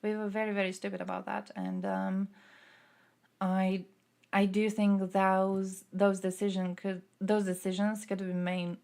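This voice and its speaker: Croatian woman, gravelly casual streamer voice. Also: medium pitch, flat delivery, a little slow, darkish tone. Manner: thinking aloud with fillers, reads chat questions out. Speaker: streamer answering chat. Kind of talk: casual political chat.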